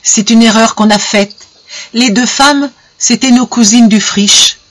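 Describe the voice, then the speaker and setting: A reader voicing a young wife in a storybook reading, hurried and faltering as she explains. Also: medium pitch, fairly bright tone, pitched above the performer's own voice, natural voice. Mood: moved. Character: young wife, anxious and loving.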